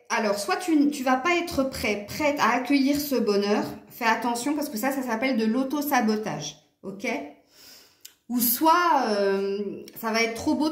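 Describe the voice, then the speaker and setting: A woman's voice: fairly high pitch, roomy sound. A woman with a southern French accent giving a chatty tarot reading straight to her viewers, laughing often between remarks. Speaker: tarot card reader.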